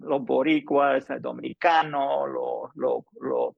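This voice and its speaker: A man's voice: mid-range voice, fairly even intonation, slow pace, gravelly, dry recording, highs cut off. A man in his seventies speaking conversationally with a Cuban-style Caribbean Spanish accent, often repeating words and restarting phrases as he explains. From United States, born in New York, partly raised in Spanish-speaking countries. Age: 70s. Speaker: polyglot language mentor and guest.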